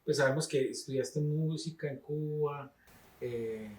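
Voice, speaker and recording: A man's voice: a little high, measured pace, darkish tone, distant mic. A man, a teacher interviewing a guest in a thoughtful, rambling way. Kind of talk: conversational interview questions. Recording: roomy, off-mic sound.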